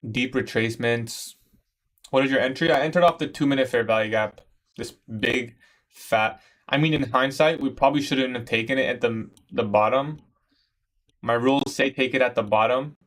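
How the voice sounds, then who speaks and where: A man's voice: medium pitch, moderate pace, fairly bright tone. Casual young man streaming trades. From Iraq. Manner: casual, slangy, calls viewers bro. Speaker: livestream host, day trader. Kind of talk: live trading commentary, reading chat.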